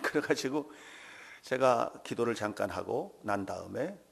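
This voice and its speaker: A male pastor preaching a sermon to his church, telling stories dramatically and swinging from hushed asides to loud exclamations. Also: medium pitch, animated, unhurried, vocal fry. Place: church sanctuary.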